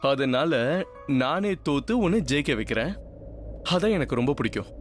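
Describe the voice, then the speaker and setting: A man's voice: mid-range voice, lively intonation, normal speed, music in the background, close to an everyday voice. An actor playing a playful young husband in a TV drama, coaxing and teasing his wife with affection. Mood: teasing, tender. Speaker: romantic male lead in a TV serial. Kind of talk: television soap drama.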